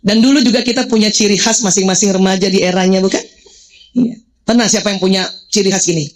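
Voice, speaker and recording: A woman's voice: mid-range voice, quick pace, poor audio. A woman in her forties giving a religious parenting talk to mothers, joking and quizzing the audience. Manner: playful, jokes and quizzes the audience.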